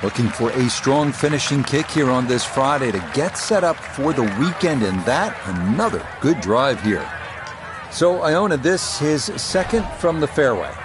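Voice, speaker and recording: A man giving golf commentary as the lead announcer, calling each shot in a measured, understated way. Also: mid-range voice, sing-song, noisy background. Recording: music and crowd behind the voice. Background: music and crowd sound.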